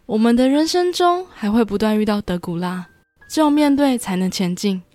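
Calm woman retelling a drama. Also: a little high, moderate pace, no room sound. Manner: calm, reflective retelling, reading the characters' lines in her own voice. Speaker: podcast host retelling a drama. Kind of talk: storytelling recap with quoted dialogue. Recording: dry close studio mic with faint background music.

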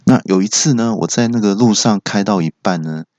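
Man, comedy podcast host, deadpan self-mocking, dry close sound. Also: lowish voice, fairly quick, no room sound. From Taiwan. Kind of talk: comedy monologue.

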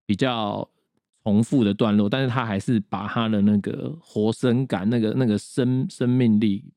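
A man's voice: fairly low pitch, fairly even intonation, dark tone, dry recording. Man with a dry, close sound. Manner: explanatory, thinking aloud with pauses. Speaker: podcast co-host. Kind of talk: casual chat on classical music.

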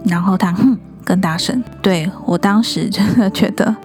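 A woman in her thirties hosting a podcast, talking calmly and gently about raising children. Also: mid-range voice, moderate pace, soft background music. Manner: calm, gentle, reflective advice. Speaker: podcast host. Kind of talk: podcast monologue on parenting.

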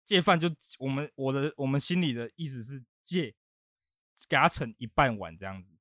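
A man's voice: medium pitch, no room sound, clean studio sound. A man from Taiwan, the podcast host, telling a story in casual chat and acting out the quotes. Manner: fast animated storytelling, laughing often, acting out quotes.

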